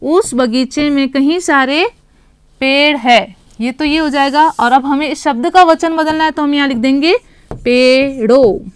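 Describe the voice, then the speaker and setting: A woman teaching a lesson to young children, asking questions and answering them herself, drawing words out slowly. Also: high voice, dry recording.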